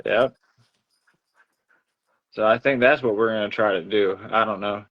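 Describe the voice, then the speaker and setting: A man's voice: lowish voice, unhurried. A man chatting casually on a livestream as its host, telling everyday stories in a talkative way. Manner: chatty storyteller, acts out others' remarks. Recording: dull lo-fi audio.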